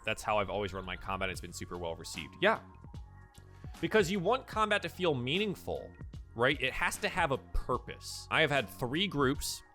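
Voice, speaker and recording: A professional dungeon master hosts a casual livestream advice chat, speaking in a bright, forceful, medium-pitched voice and repeating himself for emphasis.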